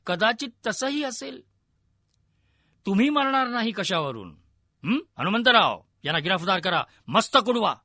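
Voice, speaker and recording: A man voicing an arrogant, drunken male hill chieftain who mocks and shouts at an envoy. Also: sits high, very animated, normal speed, no room sound, clean studio sound, heavily acted. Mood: sneering. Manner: scornful, taunting, laughing, shouting. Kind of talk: storytelling narration.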